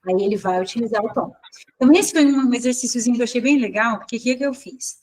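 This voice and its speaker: A woman's voice: fairly high pitch, quick pace, a little mellow, rough recording. A woman teaching a live online class over a video call, talking informally and correcting herself as she thinks aloud.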